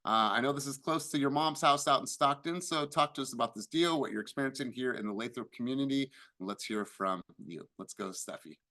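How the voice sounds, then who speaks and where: A man's voice: mid-range voice, a little fast, hardly any pauses, bright, forceful tone. A man hosting a team meeting over a video call, upbeat and congratulatory as he calls on agents.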